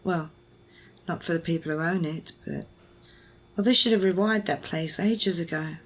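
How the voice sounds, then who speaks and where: Speaking at a moderate pace and fairly low pitch, close to an everyday voice, a woman plays an evasive, sardonic young rescuer in an intimate ASMR roleplay. Her hesitant manner feels awkward yet reassuring. Behind the close voice runs noisy ambience.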